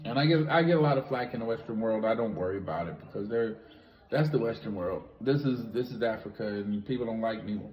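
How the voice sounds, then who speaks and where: A man's voice: lowish voice, lively intonation, fast, dull audio. Man, late fifties, from the US, casual blunt chat, rambling, roomy echo. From United States. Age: 50s. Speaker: vlog co-host.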